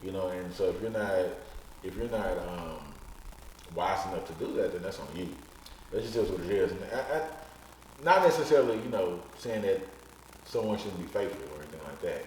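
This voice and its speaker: A man in his thirties, guesting on a podcast, talks bluntly and frankly in casual conversation, cursing freely. His voice is low and slightly dark, animated and a bit quick. He's recorded off-mic from a distance in an echoey room with faint background noise.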